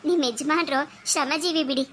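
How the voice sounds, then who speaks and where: A calm cartoon mother-in-law, voiced by a woman, with a high voice. She soothes and smooths things over. A faint hiss is heard behind her. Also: a little fast.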